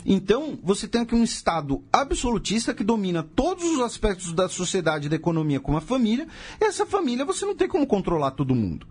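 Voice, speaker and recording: A man's voice: high-pitched, sing-song, quick pace, a little mellow, slightly rough. A man with a Brazilian Portuguese accent, hosting a podcast and explaining history in a casual way, full of rhetorical questions and sarcastic asides.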